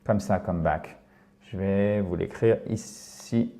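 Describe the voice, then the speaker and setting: A man's voice: low-pitched, slow pace, dark tone, slight background noise. Patient man teaching English in French. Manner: explanatory, patient, checks in with "d'accord". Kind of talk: French-language English lesson.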